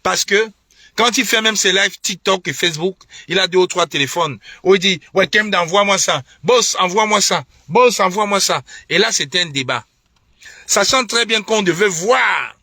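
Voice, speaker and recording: A man's voice: high voice, normal speed, pushed and bright, no echo, studio quality. A young man from Cameroon, ranting on a live stream with indignant, repetitive, mocking talk and scornful laughs. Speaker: online political commentator. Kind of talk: heated live-stream rant.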